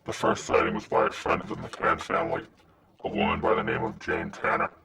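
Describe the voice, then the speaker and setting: A man's deep, gravelly disguised voice. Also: very animated, fairly quick, over a noisy crowd. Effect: disguised voice, pitched down and gravelly. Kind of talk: anonymous scripted narration. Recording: noisy, distant-sounding recording.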